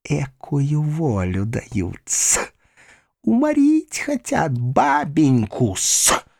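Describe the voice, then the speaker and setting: A man's voice: fairly high pitch, huge pitch swings, extremely slow, creaky, a little mellow, no room sound, studio quality, pitched above the performer's own voice, exaggerated voice. A man voicing a spiteful female companion who hisses venom, in an audiobook. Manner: venomous, hissing. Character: spiteful hissing spinster companion, woman.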